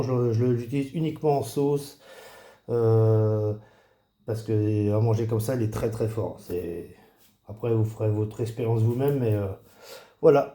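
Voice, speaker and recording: Mellow, rambling man in an echoey room. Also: mid-range voice. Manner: relaxed, rambling with many fillers and restarts. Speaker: chili grower presenting his peppers. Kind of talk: casual vlog walkthrough. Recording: roomy echo.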